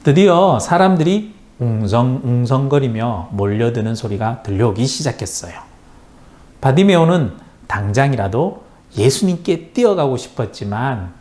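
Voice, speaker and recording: A male pastor narrating a bible story for children. He tells it in an animated storybook way, full of sound words. His pitch rises and falls in wide sweeps.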